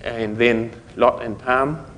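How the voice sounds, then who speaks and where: A middle-aged man giving an informal conference lecture, explaining things in a halting way with trailing thoughts. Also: mid-range voice, fairly even intonation, a bit bright, slight background noise. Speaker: conference speaker. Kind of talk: technical lecture to an audience. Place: conference lecture room, indoors. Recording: reverberant hall recording.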